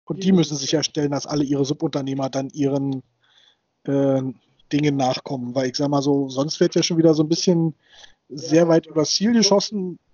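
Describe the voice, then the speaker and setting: A man's voice: fairly high pitch, fairly even intonation, a little fast, warm tone, slightly rough, dry recording. A man in his thirties co-hosting a casual podcast, rambling with many fillers and restarts. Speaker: podcast co-host. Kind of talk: casual chat. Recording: dull dry sound.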